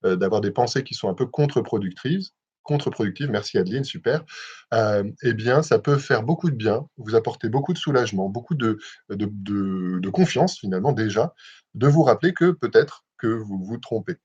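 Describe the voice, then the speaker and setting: Soft-spoken man hosting a hypnosis livestream. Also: lowish voice, lively intonation, husky. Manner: gentle, measured, with many hesitations. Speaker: hypnosis session host. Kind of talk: live-streamed self-hypnosis talk. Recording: dull lo-fi livestream audio.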